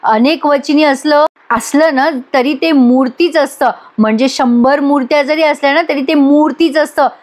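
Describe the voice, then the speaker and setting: A woman's voice: sits high, fairly even intonation, moderate pace, darkish tone. A woman doing a chatty voice-over recap of a TV episode, with casual asides. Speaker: TV show reviewer.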